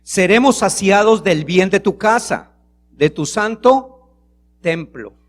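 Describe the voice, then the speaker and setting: A man's voice: high-pitched, animated, takes it slowly, soft background music. A man preaching a sermon to a congregation, reading scripture aloud and acting out a small example from family life. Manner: preaching, acts out a child's pleading voice. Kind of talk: sermon with prayer.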